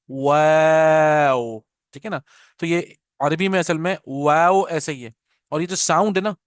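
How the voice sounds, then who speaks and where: A man teaches Quran pronunciation in a smooth, resonant voice that sits a little high for a man. He keeps checking in with his students and mixes English phrases into his explanation, drawing out each letter sound slowly to show it. The recording is close and dry, with no room echo. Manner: patient, repeats "theek hai na" often. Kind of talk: online class explanation.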